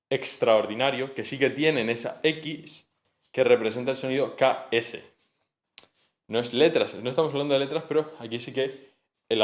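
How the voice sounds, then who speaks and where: A man giving an informal exam-prep lesson, chatty and thinking aloud, with frequent tag questions and self-corrections. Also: mid-range voice. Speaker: teacher. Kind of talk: casual exam-prep lecture.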